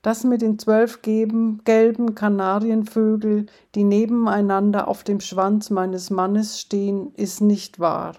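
A woman's voice: medium pitch, flat delivery, unhurried, hardly any pauses, warm tone, close to an everyday voice. A woman voicing a sly, cheeky wife who confesses with a wink.

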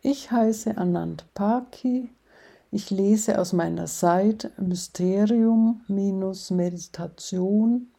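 Soft-spoken lady reading jokes out, slow, gravelly. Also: mid-range voice. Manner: soft-spoken, partly whispered. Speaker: reader of a humour page.

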